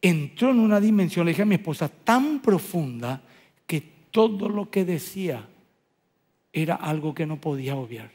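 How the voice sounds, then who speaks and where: A man preaching as a pastor, swinging between loud bursts and soft, hushed lines. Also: fairly high pitch, sing-song, moderate pace. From Paraguay. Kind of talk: sermon. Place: church auditorium. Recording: large hall with long reverb.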